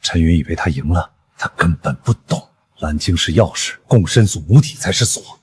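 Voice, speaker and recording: An actor playing a cold, scheming corporate villain with a rough, husky voice, delivering a calmly menacing monologue in a screen drama. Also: male voice, deep voice, normal speed, slight background noise. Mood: cold, smug.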